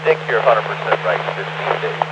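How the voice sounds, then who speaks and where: An older man checks in on a ham radio net with chatty, joking grumbles. His low voice comes through a muffled transmission buried in loud static. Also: fairly quick. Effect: ham radio transmission with heavy static.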